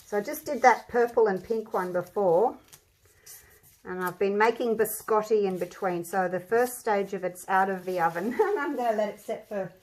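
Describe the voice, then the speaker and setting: A woman's voice: mid-range voice, normal speed, darkish tone. An Australian woman giving a casual, chatty craft demonstration, thinking aloud, her voice slightly muffled by a mask over her mouth. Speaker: craft tutorial host. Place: indoor craft table.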